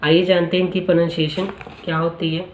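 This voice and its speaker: A male English teacher talks through a lesson, asking the class questions and answering them himself. He drills pronunciation by saying each word slowly several times over. His voice rings with a roomy echo. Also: fairly high pitch, level tone, slight background noise. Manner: explanatory, asks the class rhetorical questions. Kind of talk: spoken-English lesson explained in Hindi.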